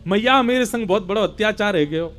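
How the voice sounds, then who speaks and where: Man playing little boy krishna, mischievous, sobbing complaints, high voice, faint music behind. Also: fairly quick, fairly bright tone. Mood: complaining. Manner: sobbing, complaining childlike talk.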